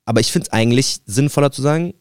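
A man's voice: mid-range voice, fast, smooth, no echo, studio quality. A man from Germany, co-hosting a podcast, telling stories in casual chat and acting out the people he quotes. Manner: animated storytelling, acts out the people he quotes.

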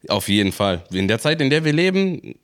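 A man's voice: mid-range voice, sing-song, a little fast, fairly bright tone, clear, resonant tone. A man joining a podcast as a guest, chatting casually in short remarks. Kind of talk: casual chat.

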